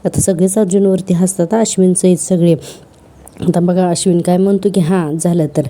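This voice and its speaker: Woman recapping a TV serial episode, steady and mellow. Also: fairly low pitch, normal speed. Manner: steady storytelling, reading out each character's lines.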